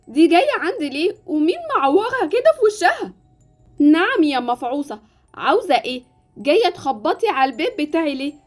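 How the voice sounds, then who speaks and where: A woman doing a shrill, scolding Egyptian stepmother. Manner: scolding, shrieking. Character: shrill, easily scared stepmother.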